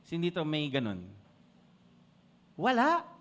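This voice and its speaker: A man's voice: fairly high pitch, huge pitch swings, unhurried, a bit bright. A man with a Filipino accent preaching a sermon, switching between Tagalog and English and calling on the congregation to answer. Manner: asks the congregation for responses. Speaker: pastor.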